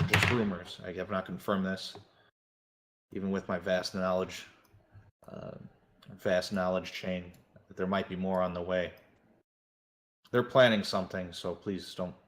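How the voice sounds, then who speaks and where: A grave informant, voiced by a man in a tabletop role-play, speaking in a low, level voice. He briefs the party steadily and stately, with little rise and fall, and pauses for weight. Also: fairly even intonation. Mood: urgent. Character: grave male informant briefing adventurers on enemies.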